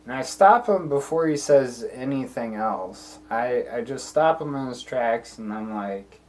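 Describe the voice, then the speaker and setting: A man streaming a solo tabletop game, talking things through at an unhurried, drawn-out pace. He hesitates often and restarts his sentences as he works out his next move, and his voice sits at an ordinary middle pitch. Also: expressive, darkish tone. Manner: hesitant, full of fillers and restarts, deliberating. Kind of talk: thinking aloud while playing a solo tabletop game.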